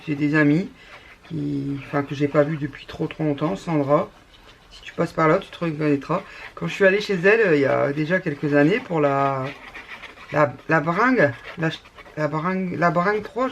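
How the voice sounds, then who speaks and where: A woman's voice: deep voice, moderate pace, vocal fry, a little hiss or hum. Woman, northern French ch'ti accent, talkative rambling crafter giving a casual tutorial. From northern France. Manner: chatty and rambling, many restarts. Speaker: scrapbooking YouTuber.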